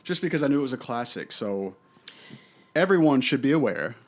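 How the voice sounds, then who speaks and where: A man's voice: mid-range voice, sing-song, brisk. A middle-aged man co-hosting a podcast in casual chat, with a theatrical, mock-grand way of talking. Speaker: podcast co-host.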